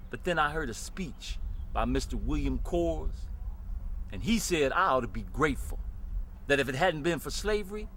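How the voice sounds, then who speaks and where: Man as a hushed, deadpan spokesman in a mock beer ad. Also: a little high, normal speed, a little hiss or hum. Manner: quiet, laid-back, deadpan. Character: mellow, low-key man in a parody beer ad.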